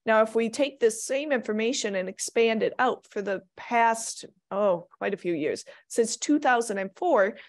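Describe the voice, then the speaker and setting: A woman's voice: on the high side, lively intonation, moderate pace, hardly any pauses. A woman from Minnesota giving a practical slide lecture as an extension economist, plainspoken with light asides, speaking into a computer mic. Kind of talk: recorded slide presentation.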